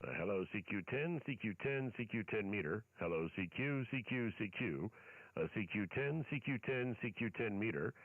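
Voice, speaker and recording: A man's voice: fairly low pitch, expressive, moderate pace, slight background noise. A man working as an amateur radio operator, calling and making contacts in procedural talk with phonetically spelled call signs, over a shortwave radio. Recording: narrow band-limited radio sound, dry.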